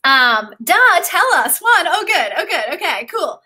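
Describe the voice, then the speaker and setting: A young woman with a high, bright voice pitches her coaching course on a live stream. She gushes with emotion and fills her speech with "like" and "um". Her tone is upbeat and she talks straight to her viewers. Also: very animated, unhurried. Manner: gushing, emotional, filler-heavy with frequent "like". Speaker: acting career coach.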